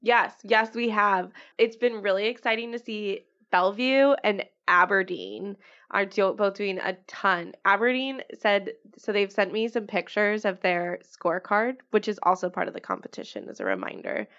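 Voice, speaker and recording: Chatty giggly woman, mid-pitched voice, casual co-host, muffled lo-fi audio. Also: lively intonation, moderate pace, fairly bright tone. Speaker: podcast co-host. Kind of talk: casual chat. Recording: dull lo-fi recording.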